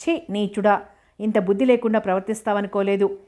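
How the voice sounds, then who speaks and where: A woman reading the lines of an angry young woman teacher, delivering sharp scolding retorts. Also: medium pitch, steady tone, fairly quick, natural voice. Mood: furious.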